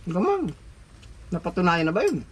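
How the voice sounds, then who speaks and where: A high-pitched man chats over a meal and spins a long, rambling story, often breaking into laughter. Faint background noise with roosters and chickens sits behind his voice. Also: moderate pace, a bit bright. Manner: chatty, laughs often while telling a story. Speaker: vlog host.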